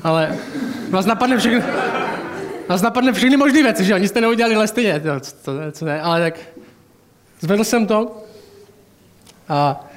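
A man's voice: high voice, lively intonation, pauses often. A man preaching a sermon in a colloquial, chatty way, mixing in personal anecdotes and asides.

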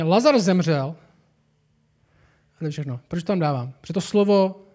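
Male preacher, high voice, earnest sermon delivery that builds to animated emphasis.

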